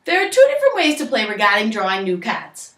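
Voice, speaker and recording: A woman's voice: a little high, wildly swooping pitch, fast, a bit bright, reverberant. A young woman with a Boston accent reads out instructions as if presenting to children, recorded in a living room on a distant camera mic. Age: young adult. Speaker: presenter of a game tutorial. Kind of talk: scripted instructional read-aloud in a storytelling manner. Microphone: camera a few metres away.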